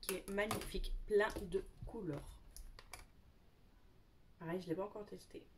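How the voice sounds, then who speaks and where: A woman's voice: mid-range voice, fairly even intonation, a little slow, a little hiss or hum. A young adult woman talking casually as a beauty vlogger, chatty and gushing, often repeating words for emphasis. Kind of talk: casual show-and-tell chat.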